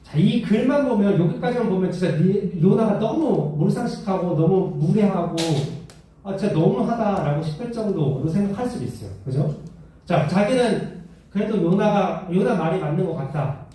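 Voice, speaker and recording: Mellow-voiced man preaching in an echoey hall. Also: sits high, lively intonation, moderate pace. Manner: conversational, asks the audience questions. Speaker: youth pastor. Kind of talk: sermon to teenagers. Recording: echoey hall, mic far off.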